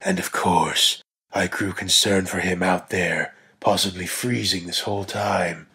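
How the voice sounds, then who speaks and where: A man giving a dramatic scripted narration of a story, in a measured delivery with deliberate pauses. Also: deep voice, steady tone, pushed and bright, husky. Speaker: reader of a dramatic reading.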